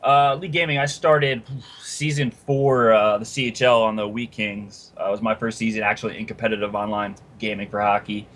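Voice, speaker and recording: Low-voiced laid-back male guest. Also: little pitch movement, brisk, fairly bright tone. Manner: laid-back, hesitant with many uhs. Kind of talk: casual podcast chat.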